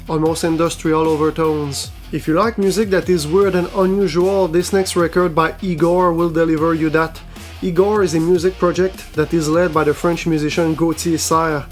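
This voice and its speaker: The male host of a metal news show gives a scripted roundup of album releases in a highish voice. His reading is flat, even and measured, with soft guitar music playing underneath.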